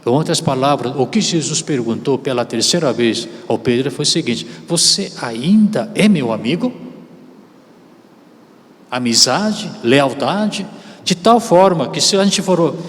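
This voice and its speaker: A man preaching a sermon as pastor, a native Korean speaker, rising loud and slowing down for emphasis. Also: mid-range voice, expressive. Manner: rises loud and slows down for emphasis. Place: church sanctuary. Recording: long hall reverb.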